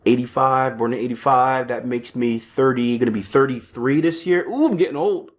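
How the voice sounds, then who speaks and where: This podcast host, a man in his thirties, chats informally by himself about the psychology of trading, his voice medium in pitch and his pace moderate. Conversational throughout, he tags remarks with "right?" and tosses in casual asides amid fillers and false starts.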